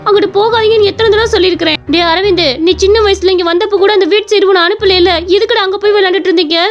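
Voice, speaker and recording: A woman voicing a bossy, worried elder sister in a cartoon village story, scolding loudly. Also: very high voice, steady tone, very fast, highs cut off, pitched above the performer's own voice. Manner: loud, nagging, scolding.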